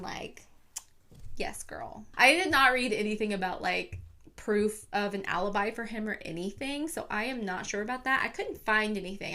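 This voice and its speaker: A woman's voice: mid-range voice, pushed and bright. A young woman casually retelling a true crime story to her viewers on camera, chatty and full of fillers. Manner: chatty, lots of "like", talks to viewers.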